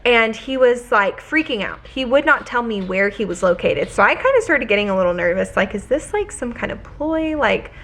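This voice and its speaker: A young adult woman vlogging casually, telling stories in a chatty, animated way full of "like". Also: on the high side, moderate pace, few pauses. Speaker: lifestyle vlogger. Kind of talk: casual vlog chat and storytelling.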